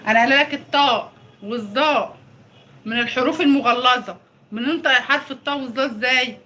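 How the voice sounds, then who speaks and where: High, quick Egyptian mom drilling letters. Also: female voice, pushed and bright, a little hiss or hum. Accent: Egyptian Arabic. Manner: drills letter sounds with exaggerated, emphatic pronunciation. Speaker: mother tutoring her child. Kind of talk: casual live stream. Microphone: phone livestream.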